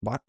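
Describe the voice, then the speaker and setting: A man's voice: mellow, no room sound, studio quality. A man livestreaming while coding, thinking aloud in a mumbling, trailing-off way. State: talking with his mouth full.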